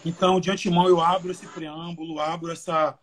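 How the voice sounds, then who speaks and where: Brazilian guy preaching at a youth service, high voice, talks loose and emotional with lots of fillers. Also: level tone, brisk, a bit bright, a little hiss or hum. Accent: Brazilian Portuguese. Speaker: evangelist preacher. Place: church service streamed live.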